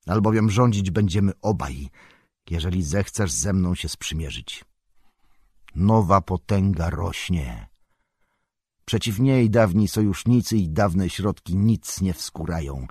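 A man reading an audiobook who voices a proud, scornful old male wizard lord, speaking slowly and grandly, as if declaiming. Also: low voice, dark tone, husky, dry recording, clean studio sound, heavily acted.

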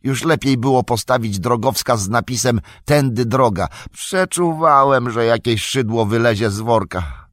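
A man's voice: mid-range voice, normal speed, fairly bright tone, dry recording, clean studio sound, lightly acted. A man voicing a loyal, fretful young male hobbit servant who talks in a plain, earnest and agitated way. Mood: dismayed.

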